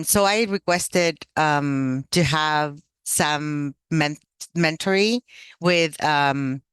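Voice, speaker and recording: Man presenting, halting with fillers. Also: a little high, pushed and bright, clear, resonant tone, no echo. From Chile. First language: Spanish. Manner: hesitant, many "um" fillers and restarts. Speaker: workshop presenter. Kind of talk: online workshop talk. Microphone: video call.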